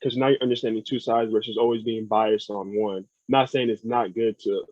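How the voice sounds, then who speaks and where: A man's voice: fairly low pitch, fairly even intonation, a little fast, darkish tone, no echo. Young man on a tinny phone-like line. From United States. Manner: earnest, thoughtful, repeats words while thinking. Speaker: podcast guest. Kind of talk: casual podcast conversation. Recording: dry, phone-like sound.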